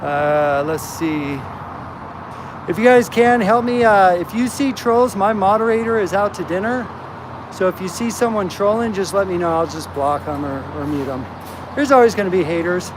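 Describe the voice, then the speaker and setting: This livestream host is a man with a voice that sits high for a man, speaking at a moderate pace as he carries his gear around a truck stop parking lot. He chats upbeat and directly with his viewers on a casual stream. Recorded on a handheld phone, his audio has loud vehicle and street noise from the open lot running beneath it.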